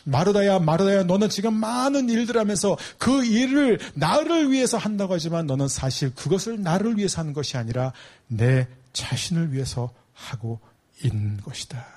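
Calm kind lord figure played by a preacher guy, soft and patient, bit higher voice. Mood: tender. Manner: tender, slow, searching. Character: gentle, patient lord tenderly correcting a woman.

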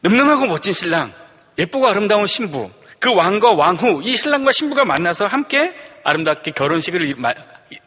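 Bright, husky-voiced preaching man in a hall. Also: high voice, big pitch swings, a little fast. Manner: preaching with rhetorical questions and dramatic swings between loud and hushed. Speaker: pastor. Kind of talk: sermon. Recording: long reverb from a large hall.

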